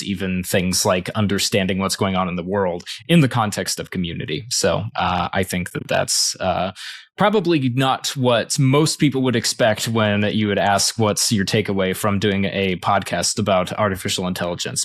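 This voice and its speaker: Low-voiced earnest male podcast co-host. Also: no echo, clean studio sound. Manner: earnest, measured, frequent "uh" fillers. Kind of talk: casual podcast chat.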